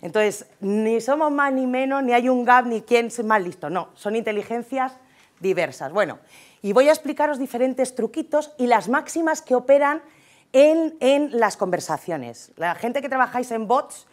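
A woman's voice: a little high, moderate pace. Chatty jokey Spanish-accented woman speaker. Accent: Spain Spanish. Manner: chatty, jokey, keeps tagging lines with "¿eh?". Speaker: conference speaker. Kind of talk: humorous conference talk.

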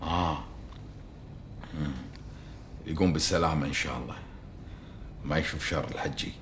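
An actor playing a middle-aged boss, brisk and fatherly. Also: rumbling low, a bit bright, slight background noise. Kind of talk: TV drama acting.

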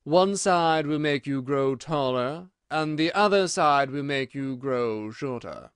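An enigmatic storybook caterpillar, acted by a man. The words come slow and drawn out, with deliberate, cryptic weight and no hurry at all. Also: fairly high pitch, clean tone, no room sound, clean studio sound. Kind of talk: storybook character voice.

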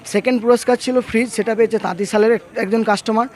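A man's voice: high-pitched, fairly even intonation, fast. A man with a West Bengal Bengali accent giving a promotional interview as a shop owner, emphatic and repetitive, mixing in English words. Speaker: mobile showroom owner. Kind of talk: promotional interview, recapping a prize draw.

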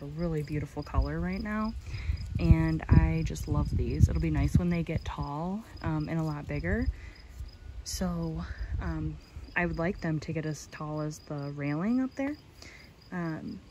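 A young woman chatting casually as she tours her backyard garden on a phone camera, enthusiastic and full of "um"s. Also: deep voice. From Michigan. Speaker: gardening vlogger. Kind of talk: casual garden tour narration. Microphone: handheld phone camera. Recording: outdoor phone audio with insect noise. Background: crickets and outdoor ambience.

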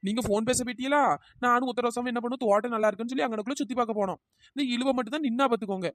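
A woman voicing a sly, quick-witted young village woman who talks her way out of trouble, brisk and persuasive. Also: a little high, no echo, studio quality, natural voice. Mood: scheming. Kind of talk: cartoon storytelling.

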